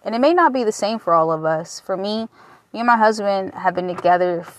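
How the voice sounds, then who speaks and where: Waiting at a taco shop, a late-twenties podcast host from Michigan, USA, delivers a casual personal monologue. Her voice is medium-pitched, expressive, and a little fast as she rambles candidly and swears casually.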